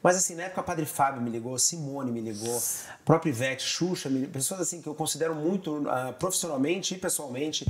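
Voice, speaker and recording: A man in his forties, a guest TV director, telling stories in a casual, animated conversation. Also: on the high side, slight background noise. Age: 40s. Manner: animated storyteller, rapid run-on phrasing.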